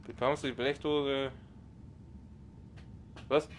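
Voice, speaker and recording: A young man with a Bavarian accent commentating his game stream live, with a loud, strong voice that can sound like shouting even in normal talk, excitable and quick to swear at the game. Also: mid-range voice, a little hiss or hum. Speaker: let's play streamer.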